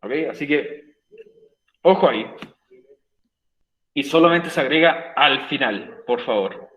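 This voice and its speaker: A man's voice: mid-range voice, lively intonation, takes it slowly, fairly bright tone, roomy sound, muffled recording. A man with a Chilean Spanish accent teaching an English lesson in a virtual class. He is emphatic, repeats his points and keeps asking "ok?". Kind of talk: online class explanation.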